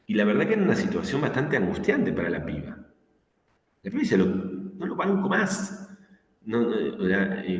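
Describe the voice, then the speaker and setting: A man's voice: fairly low pitch, darkish tone. A man with a Rioplatense Spanish accent, lecturing an online class and telling anecdotes full of acted-out quotes and fillers. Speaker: teacher. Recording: echoey room with long reverb.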